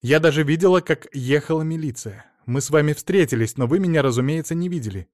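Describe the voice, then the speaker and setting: A man narrating an audiobook pitches his natural voice above its usual level and speaks quickly to play an anxious, flustered woman rushing through a phone call. His delivery is excited and flustered, and the recording is dry and clean, with studio quality.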